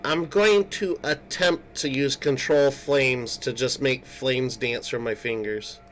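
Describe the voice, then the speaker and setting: A man's voice: medium pitch, fairly even intonation, takes it slowly, fairly bright tone, slight background noise. A man chatting casually as a player in a tabletop role-playing game. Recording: faint music behind the voice.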